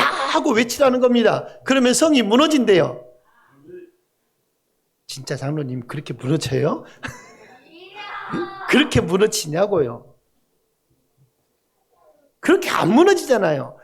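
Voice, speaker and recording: In a church sanctuary, a pastor with a husky, mid-range voice preaches a Sunday sermon, asking the congregation questions and joking with the children.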